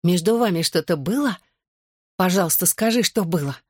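A woman reading an audiobook, voicing an excitable, gossipy teenage girl who teases and squeals eagerly. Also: lowish voice, normal speed, slightly rough, no room sound, clean studio sound. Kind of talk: audiobook character voice.

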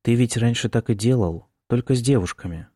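A man voicing a calm, caring young man who speaks gently and reassuringly. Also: medium pitch, a little fast, breathy edge, dry recording, clean studio sound, pitched above the performer's own voice, close to an everyday voice.

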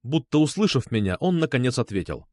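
A man's voice: medium pitch, big pitch swings, fairly quick, a little mellow, no room sound, clean studio sound. A man narrating a tense first-person audiobook story in a dramatic manner.

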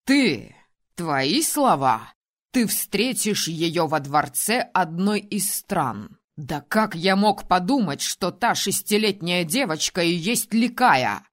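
A woman reads as an ancient male ruler, hoarse and volatile, who snaps and shouts in a storybook reading. His voice sits low for her and swings widely in pitch. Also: animated, measured pace, hardly any pauses. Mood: bitter. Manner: shouting, snapping, biting. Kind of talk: audiobook character voicing.

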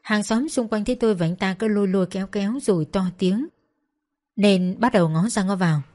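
A woman narrating a first-person audio story in a plain, steady manner. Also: mid-range voice, a little fast.

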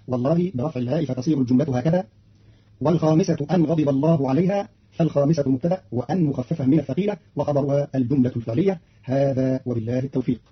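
Fast, husky male radio announcer. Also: mid-range voice. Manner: formal, explanatory, quotes verses in a slower voice. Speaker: radio announcer explaining recitation variants. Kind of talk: formal scripted radio commentary. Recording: dull lo-fi radio archive recording.

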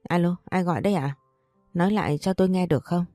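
Woman doing a stunned young husband, terse, low dark voice, dry sound. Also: fast, no echo, faint music behind, close to an everyday voice. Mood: confused.

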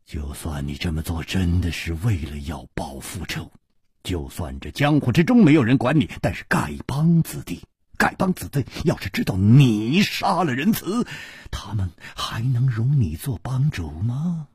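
A man voicing a shrewd wandering swordsman hero who speaks calmly and knowingly, slightly husky. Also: fairly low pitch, no echo, clean studio sound, heavily acted. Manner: calm, knowing, unhurried.

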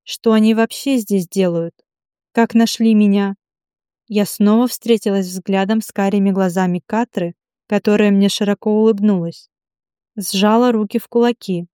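A woman reading a novel in the first person as an audiobook, steady and even. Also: medium pitch, moderate pace, clear, resonant tone, dry recording, studio quality. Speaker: audiobook narrator.

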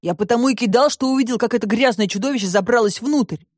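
A woman's voice: fairly high pitch, fast, no room sound, studio quality, close to an everyday voice. Woman doing an eager boastful boy. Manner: excited, boastful.

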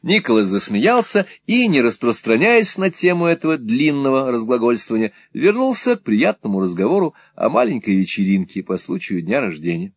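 A man narrating a classic novel as an audiobook, in an expressive, wry storytelling manner. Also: medium pitch, normal speed, hardly any pauses, no room sound. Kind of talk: scripted narration.

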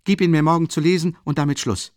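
A man's voice: on the high side, steady tone, fast, a little mellow, no echo, clean studio sound, pitched above the performer's own voice, natural voice. A man reading the part of a proud young woman who speaks earnestly and with heat. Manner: earnest, heated.

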